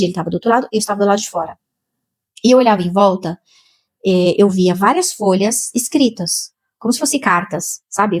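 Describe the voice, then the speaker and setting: A Brazilian woman slowly and emotionally telling a personal spiritual testimony, with many repetitions. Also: medium pitch. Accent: Brazilian Portuguese. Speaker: spiritual channel host.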